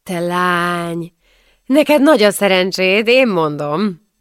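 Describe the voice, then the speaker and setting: Woman doing a curt healer guy, storybook reading, low-ish gravelly voice, dry close sound. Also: expressive, no room sound, natural voice. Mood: brusque. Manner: gruff, blunt questioning. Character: brusque man, an 18th-century village healer.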